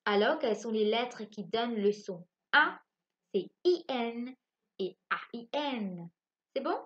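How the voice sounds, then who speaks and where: A woman teaching a phonics lesson to young children from home. She spells out letters slowly and keeps asking the class if they follow. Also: a little high, animated, a bit bright, highs cut off. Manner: slow, spelling out letters and asking checking questions. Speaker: primary school teacher.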